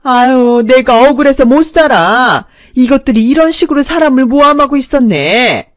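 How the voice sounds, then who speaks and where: A woman voicing a pushy, shameless older stepmother-in-law who nags and wails loudly. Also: fairly high pitch, expressive, moderate pace, dry recording, studio quality, lightly acted. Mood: wailing. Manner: loud, wailing, nagging.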